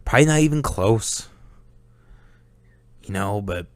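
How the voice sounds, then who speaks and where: A man's voice: lowish voice, lively intonation, a little slow, dry recording, clean studio sound. A young man hosting a solo podcast, rambling casually with lots of swearing and laughter. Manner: rambling, profane, laughs often. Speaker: podcast host.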